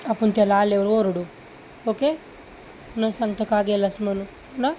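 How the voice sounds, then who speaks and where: A woman gently coaxing and questioning a small child at home. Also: medium pitch, fairly even intonation, moderate pace, slight background noise, low-quality recording. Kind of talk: talking softly to a small child.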